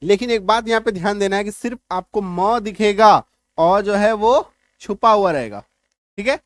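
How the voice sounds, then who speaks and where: A man's voice: high-pitched, lively intonation, moderate pace, dry recording, studio quality. A man giving an online English spelling lesson, explaining step by step, repeating key phrases and often checking that learners follow. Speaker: English teacher.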